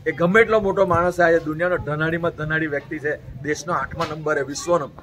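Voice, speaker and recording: High-voiced man giving an earnest message. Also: fairly even intonation, quick pace, fairly bright tone, low-quality recording. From Gujarat. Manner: preachy, repeats points in long lists. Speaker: interview guest.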